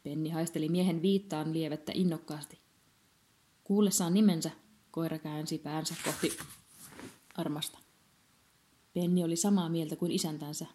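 A woman calmly reading a children's story aloud at an even pace. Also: sits low, long pauses. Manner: calm, even-paced reading. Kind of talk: scripted narration of a children's story.

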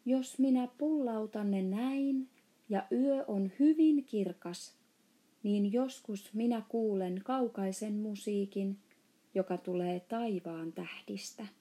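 A big, soft-hearted male giant from a storybook talks in a mellow, warm voice, as a woman reading aloud puts him on. He trips over his grammar and invents words of his own, and his voice stays gentle and unhurried. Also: medium pitch, natural voice. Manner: mangled grammar and made-up words.

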